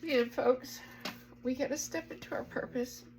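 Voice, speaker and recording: A woman shares a heartfelt spiritual message in a vlog, her voice somewhat high and gravelly. She speaks with emotion and earnest urgency, pressing her listeners to act. A faint hum sits behind her. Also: a little slow, a little mellow, poor audio. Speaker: spiritual vlogger.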